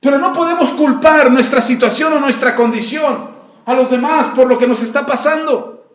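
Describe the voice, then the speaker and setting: A man preaching a sermon as pastor, acting out quoted complaints in lively voices. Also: extremely high pitch, normal speed. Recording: echoey, muffled lo-fi room recording.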